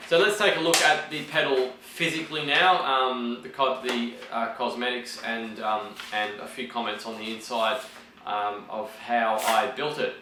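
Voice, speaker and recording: A man with a mid-range voice, croaky because he's partly lost it, talks through a build report casually and ramblingly, full of ums and restarts. The recording is reverberant, with background noise.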